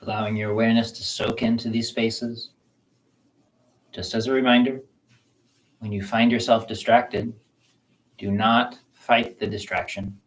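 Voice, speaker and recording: A man teaching a qigong self-massage class, guiding listeners slowly and gently through the practice. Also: fairly low pitch, low-quality recording. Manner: slow, calm, gentle guiding talk. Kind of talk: guided self-massage instruction.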